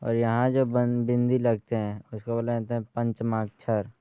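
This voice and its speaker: A man teaching a grammar lesson, speaking slowly and repeating key terms for his students. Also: medium pitch, completely flat delivery, dark tone, smooth, no echo, muffled recording. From Bihar, India.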